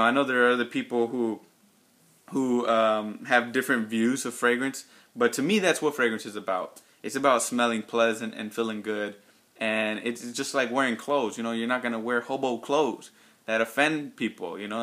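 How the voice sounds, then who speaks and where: A man with a Texan accent talks off the cuff in his own vlog, stopping often for ums and uhs and restarting his sentences. His voice has a bright, forward edge at an ordinary middle pitch. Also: steady tone, moderate pace. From Texas. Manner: rambling, many ums and restarts. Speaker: fragrance reviewer. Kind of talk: casual unscripted vlog response.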